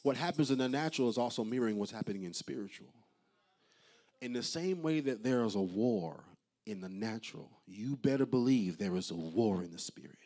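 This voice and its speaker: A man's voice: mid-range voice, expressive, fairly quick, mellow. A male pastor preaching a sermon in a church, impassioned and rhythmic, with repeated refrains. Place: church sanctuary.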